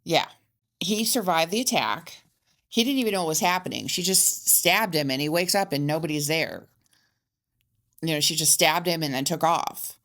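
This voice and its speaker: A low-pitched woman walks through a crime case on a casual podcast. She reads the facts in a measured way, with the odd "um" and restart. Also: a bit bright. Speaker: podcast co-host telling the case.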